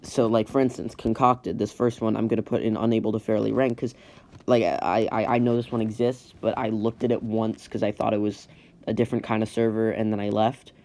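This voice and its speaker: Rambling man recorded on a rough phone mic. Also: on the low side, level tone, darkish tone. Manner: rambling, halting, frequently rephrasing himself. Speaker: host. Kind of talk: casual tier list commentary. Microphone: phone's built-in microphone. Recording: rough amateur phone microphone with automatic audio.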